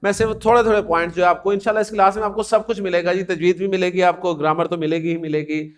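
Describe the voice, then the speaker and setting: Reciting the Arabic alphabet slowly, letter by letter, a man from Pakistan teaches a class, posing questions to them and blending English into his Urdu. His voice sits high, with fairly even intonation.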